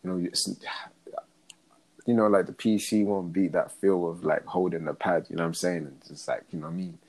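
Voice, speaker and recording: Deep gravelly young london roadman. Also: lively intonation, brisk, a little mellow, rough recording. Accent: London, urban roadman slang style. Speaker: co-host. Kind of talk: casual chat.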